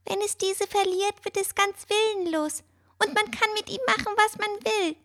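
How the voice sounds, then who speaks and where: Tiny anxious male creature with a piping squeak, played by a woman; urgent, fretful storybook sidekick. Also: normal speed, fairly bright tone. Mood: hushed.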